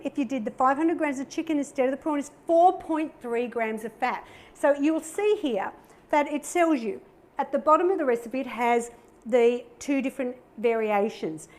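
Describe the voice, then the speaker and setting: A middle-aged Australian woman hosts a live cooking demonstration, talking in a bubbly, chatty, upbeat way full of little exclamations as she cooks. Her voice sits high but has a darkish tone.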